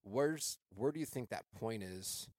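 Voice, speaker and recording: A man's voice: lowish voice, animated, a little mellow, dry recording, clean studio sound. A man hosting a podcast in casual chat, rambling through his questions with frequent restarts. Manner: rambling, restarts often, drawn-out phrases. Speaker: podcast host.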